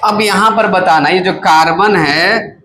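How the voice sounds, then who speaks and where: Male chemistry teacher, coaxing call-and-response lecture, voice pitched a bit high, faint noise behind. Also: a little slow, pushed and bright, rough recording. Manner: keeps asking the class to repeat terms; casual, coaxing teacher talk. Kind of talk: classroom lecture.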